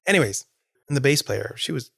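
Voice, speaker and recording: A man's voice: mid-range voice, expressive, a little fast, vocal fry, fairly bright tone, husky, dry recording, clean studio sound. A man hosting a podcast, rambling with enthusiasm about a concert and laughing often. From Florida. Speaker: podcast host. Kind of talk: casual solo podcast monologue.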